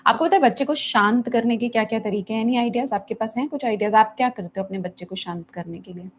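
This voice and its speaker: With a slightly high voice and a fast pace, a middle-aged woman therapist runs a live teaching session answering viewers, her Hindi sprinkled with English phrases. She mimics stressed-out parents in a raised voice over slight background noise.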